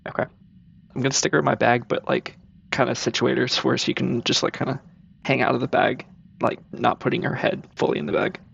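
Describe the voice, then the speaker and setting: A man's voice: medium pitch, little pitch movement, brisk, gravelly, fairly bright tone, muffled recording, a little hiss or hum. A man playing a comedic tabletop game, cautious and curious, asking the game master one question after another. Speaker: player.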